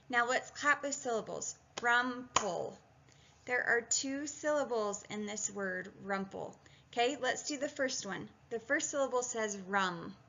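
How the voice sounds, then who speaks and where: Bright, creaky-voiced woman teaching phonics. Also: on the high side. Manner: encouraging, chatty, thinking aloud; sounds out words syllable by syllable. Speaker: reading and spelling teacher. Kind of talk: video phonics lesson, talking students through steps. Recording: dull lo-fi sound.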